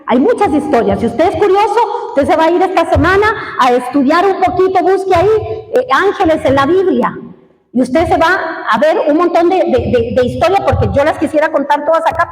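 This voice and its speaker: A woman preaching a sermon to a congregation, telling a personal story with emotional, dramatic swings in her voice. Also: very high voice. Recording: echoey hall.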